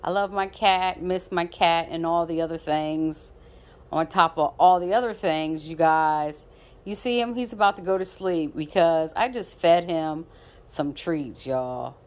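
A woman's voice: on the low side, measured pace. A woman casually vlogging her pet cat at home on a phone, playful and repetitive as she talks fondly to him.

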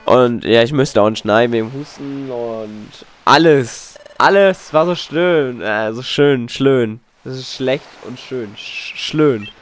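A young man with a sore, hoarse throat, giving jokey gaming commentary full of wordplay. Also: mid-range voice, slow pace, hardly any pauses, faint music behind. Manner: animated, jokey, slips into wordplay. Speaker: let's player.

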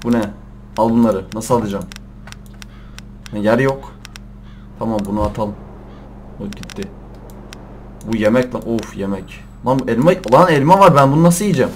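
A young man commentating a survival game in Turkish, shouting and cursing at the animals and laughing often. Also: mid-range voice, normal speed, long pauses, slight background noise. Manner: excitable, swears and yells at the game, laughs often. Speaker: gameplay commentator. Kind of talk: let's play commentary.

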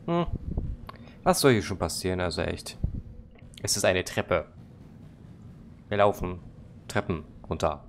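A gaming YouTuber doing let's-play commentary, joking and talking back to the game, and haltingly reading English text aloud. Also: male voice, deep voice, big pitch swings. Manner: joking, talks to the game and its monster. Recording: loud background noise.

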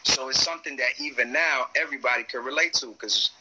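Laid-back man rapper, bright tense voice. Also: mid-range voice, quick pace, a little hiss or hum, poor audio. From Washington DC / Maryland area, USA. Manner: laid-back, streetwise, uses "you know what I'm saying". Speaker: rapper, interview guest. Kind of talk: casual interview on a live video call. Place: room at home, seated in gaming chair. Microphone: phone or webcam on a video call.

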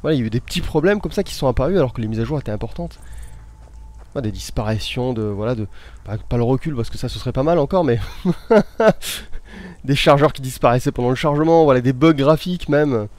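A man's voice: medium pitch, expressive, a little fast, a little mellow. A man giving casual, jokey commentary while he plays a video game, talking straight to his viewers. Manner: chatty, jokey, addresses viewers directly. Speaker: let's play host.

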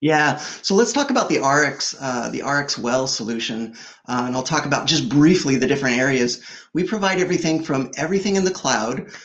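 He's animated and talks a little fast, his medium-pitched voice fairly bright in tone. The speaker is a product executive in his forties on a video call from a home office, using a webcam mic to explain products in a fluent, upbeat, filler-heavy conversational keynote.

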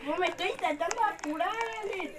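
A woman's voice: very high-pitched, fairly quick, crowd noise. A woman talking demandingly and impatiently while playing a game. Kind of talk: casual gameplay chat.

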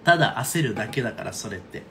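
A man's voice: fairly low pitch, expressive, quick pace, fairly bright tone, slight background noise. A man teaching singing in a casual online lesson, chatty and checking in often with his students. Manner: chatty, frequent "right?" and "okay?" check-ins. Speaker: voice coach.

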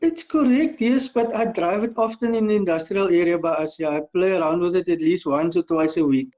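A man's voice: high-pitched, fairly quick, a little mellow. A man in his thirties with a South African accent, chatting casually as an interview guest over a slightly dull video call. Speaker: podcast guest, amateur drag racer. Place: indoor room, video call.

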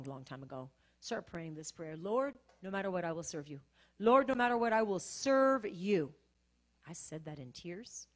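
A middle-aged woman pastor preaching a sermon, swinging between loud, shouted exhortation and quiet, hushed storytelling. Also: on the low side.

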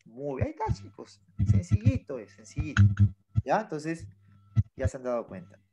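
Animated male teacher on a laptop mic. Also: on the high side, moderate pace. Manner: patient, repeats checks like "¿sí o no?", coaxes students. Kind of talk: online class explanation. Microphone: laptop microphone.

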